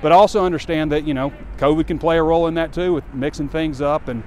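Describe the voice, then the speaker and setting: A sports site publisher in his forties talks quickly in a slightly high, darkish voice with fairly even intonation. His sports commentary is candid, conversational and rambling with fillers, shot on a phone camera held close as he walks a campus street near a stadium amid faint street noise.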